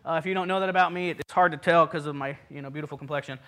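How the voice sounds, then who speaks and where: The sermon is delivered at a racing clip by a pastor in his thirties who grew up in Puerto Rico, his fairly high voice steady in tone and a bit bright. He keeps restarting and drops in earnest, self-deprecating asides.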